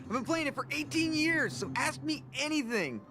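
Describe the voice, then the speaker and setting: A chummy, overeager game fan character. The voice is very high and squeaky, with a lively, lilting rise and fall. Game music plays clearly underneath. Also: very slow, full character voice. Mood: eager. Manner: chummy, eager to chat. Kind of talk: video game voice acting.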